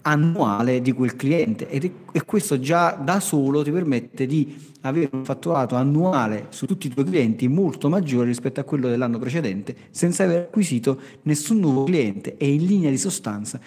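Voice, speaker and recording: A man's voice: medium pitch, animated, normal speed, few pauses, darkish tone, breathy edge. A man hosting a podcast, explaining things conversationally to listeners and emphatically repeating his key phrases. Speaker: podcast host. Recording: long reverberant hall echo.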